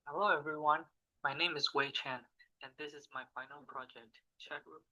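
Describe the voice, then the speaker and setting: A man's voice: on the high side, normal speed, rough recording. A teenage boy from Taiwan narrating a recorded demo of his school project in a scripted way. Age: teens. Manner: scripted, even, reading through steps. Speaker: student presenting a project.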